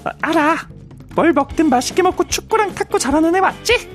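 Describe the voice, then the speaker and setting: A man's voice: very high voice, lively intonation, a little fast, faint music behind, pitched above the performer's own voice. A man voicing a patient young woman who listens to her friend and asks back with curiosity. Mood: curious.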